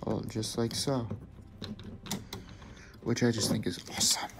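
This young toy builder has a lowish, creaky voice, delivered flatly and a little slowly against a noisy background with music playing. Indoors in a basement, he casually walks through his creation step by step, with asides and self-corrections.

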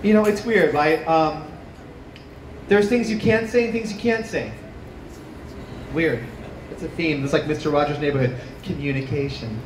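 A man in his thirties doing a stand-up comedy set into a handheld mic, animated, jumping to high yelps on punchlines, with an audience laughing. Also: normal speed, pauses often. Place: small outdoor rooftop stage with plants. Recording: distant camera, roomy echo, noisy ambience. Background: live audience laughter.

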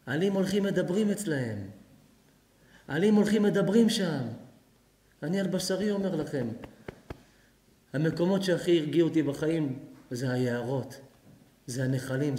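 A rabbi giving a lively sermon, often acting out both sides of imagined conversations. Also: male voice, a little high. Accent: Israeli Hebrew. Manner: animated preaching, acting out both sides of dialogues. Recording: echoey hall.

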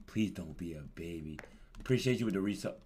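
A man's voice: low-pitched, lively intonation, a little fast, warm tone, a little hiss or hum. A man in his twenties livestreaming a game, joking crudely and talking to his chat. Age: 20s. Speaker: streamer. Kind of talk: casual gaming livestream chat.

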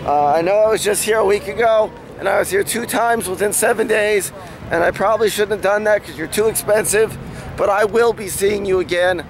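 Man, vlog host, chatty, jokes at himself, slightly high voice, noisy outdoor camcorder sound. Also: brisk. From Florida. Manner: chatty, self-mocking, joking. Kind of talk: casual vlog narration. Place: outdoors at a theme park and hotel. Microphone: handheld camcorder.

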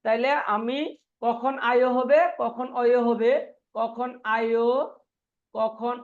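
A man's voice: very high voice, flat delivery, slow, phone-quality sound. A man teaching a Korean language class online, drilling students by asking the same questions over and over and answering them himself. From Bangladesh.

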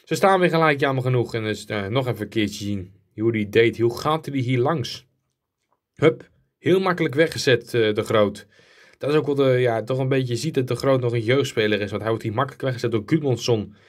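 Young male gaming creator, mid-pitched voice, rambling live play-by-play over his own match. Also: fairly quick. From Netherlands. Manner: rambling play-by-play, rising excitedly at goals. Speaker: gaming YouTuber. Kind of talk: live game commentary.

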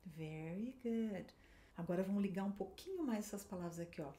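A woman with a Brazilian Portuguese accent teaching pronunciation, modeling phrases slowly and clearly for repetition and checking in often with her students. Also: medium pitch, sing-song, warm tone. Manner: frequent checking tags like ok and tá. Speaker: English teacher. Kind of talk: pronunciation lesson.

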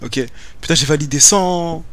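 A young man streams a game from his home room on a webcam, bantering with viewers in a slangy, joking way. His voice sits a little high and sounds a bit bright, moving at a moderate pace through casual gaming commentary.

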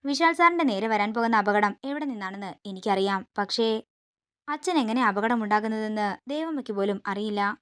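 A woman's voice: medium pitch, expressive, moderate pace, clean tone, lightly acted. A woman voicing a devout, determined young woman held in a cell, reading her lines earnestly within a recap. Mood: resolute.

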